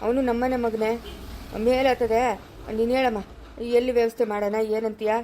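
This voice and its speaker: A woman's voice: on the high side, level tone, fairly quick, mellow, slight background noise, natural voice. A woman playing a soothing village aunt. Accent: rural Chikkaballapura Kannada. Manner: soothing, resigned, deferential. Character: calm middle-aged female relative arranging a burial. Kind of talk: amateur village family drama acting.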